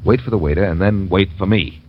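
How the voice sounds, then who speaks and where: An actor in an old radio drama playing a self-assured, wry amateur detective who talks smoothly and insistently. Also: male voice, deep voice, brisk, natural voice. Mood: urgent, wry. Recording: dull, noisy old radio recording.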